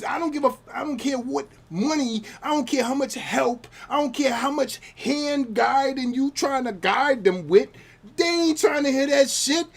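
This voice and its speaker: A man with a notably high voice speaks on a casual panel. He drives his points home forcefully and swears freely. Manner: fiery, forceful and profane.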